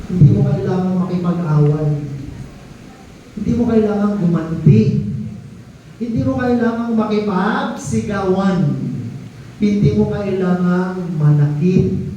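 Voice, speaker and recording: A man's voice: high-pitched, unhurried, pauses often, mellow, muffled recording, a little hiss or hum. A man with a Filipino accent preaching a sermon in a church, mixing Filipino and English and reading scripture aloud. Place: church hall. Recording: echoey hall from far off.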